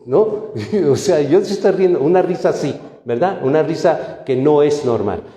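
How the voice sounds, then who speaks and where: A male pastor, preaching in a lively, conversational way and firing off rhetorical questions. His voice sits fairly high but sounds dark and mellow. It rings through a reverberant church hall with a long echo. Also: normal speed. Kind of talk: sermon.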